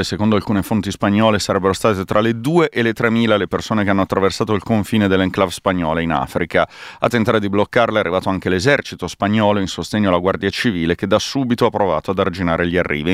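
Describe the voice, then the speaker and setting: Male radio newsreader, fast and low, dry studio sound, brisk bulletin read. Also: no room sound.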